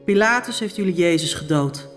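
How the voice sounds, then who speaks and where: A bored, indifferent palace gatekeeper, as a woman puts him on, brushing people off in a flat, uninterested tone. His lines stay even and cold, with soft music faintly behind. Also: lowish voice, fairly quick, natural voice. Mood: dismissive.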